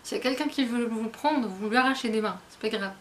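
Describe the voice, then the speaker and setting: A woman's voice: a little high, quick pace, a little hiss or hum. Tired, rambling woman book vlogger. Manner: rambling, self-mocking, stumbles over words. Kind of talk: casual book haul vlog. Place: at home, indoors.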